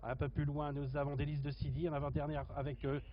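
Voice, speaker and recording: A man giving live horse racing commentary, haltingly listing the runners in order. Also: fairly high pitch, little pitch movement. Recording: muffled, noisy racecourse commentary feed.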